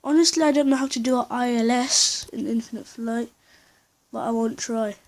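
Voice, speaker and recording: A woman with a slightly high voice talks her way through a flight sim session at home. She rambles in a chatty, offhand way, reading out numbers and thinking aloud as she goes. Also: steady tone, moderate pace, darkish tone. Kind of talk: casual gameplay commentary. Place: at home, indoors.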